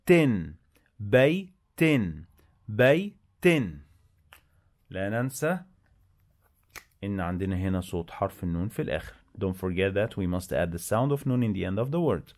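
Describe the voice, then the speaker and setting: A man with an Egyptian accent teaching Arabic reading, slowly sounding out syllables one by one and then explaining in quicker asides. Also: low voice, lively intonation, darkish tone. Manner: slow, drawn-out syllable-by-syllable enunciation. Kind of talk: bilingual reading lesson.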